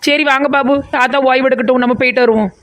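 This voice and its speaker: A woman's voice: sits high, steady tone, quick pace, fairly bright tone. A woman voicing a chatty, nosy village woman in a cartoon comedy, with a southern Tamil Nadu accent. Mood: chattering. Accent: southern Tamil Nadu (Kanyakumari–Tirunelveli). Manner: rambling, teasing, talks nonstop.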